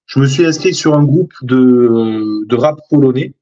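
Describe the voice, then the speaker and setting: A man's voice: mid-range voice, measured pace, warm tone. A man talking as a guest over a video call, hesitant and restarting with many fillers. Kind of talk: casual chat. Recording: dull, lo-fi video call audio.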